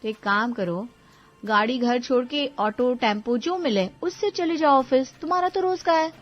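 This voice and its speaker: A woman's voice: high-pitched, moderate pace, lo-fi sound, soft background music, close to an everyday voice. A woman voicing a bossy, dramatic young wife in a cartoon, sassy and demanding. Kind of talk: cartoon voice acting.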